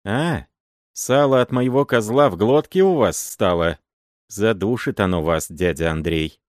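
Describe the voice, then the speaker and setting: A vengeful old woman hurls fierce, shrill curses, as a male reader puts her on. The voice sits well above a man's usual register and rings out loud. The recording is dry and close. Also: a little slow, no room sound, lightly acted. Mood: accusing.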